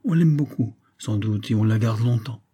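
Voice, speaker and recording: A man's voice: lowish voice, normal speed, dark tone, breathy edge. A man voicing an obliging, servile valet.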